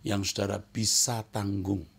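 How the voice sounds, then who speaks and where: A male pastor preaching a sermon, who swings from loud emphatic exclamations to hushed whispers and repeats phrases for emphasis. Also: on the low side, little pitch movement, a little slow, gravelly, husky. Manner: addresses listeners as "saudara", repeats phrases for emphasis.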